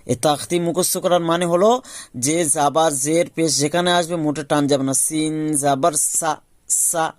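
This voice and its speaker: Bangladeshi guy teaching quran letters, bit high voice, dry close sound, asks and answers himself. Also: steady tone, dry recording. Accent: Bangladeshi Bengali. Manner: slow drilled recitation of letters, repeating each; explaining step by step, asking and answering his own questions. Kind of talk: recorded online lesson.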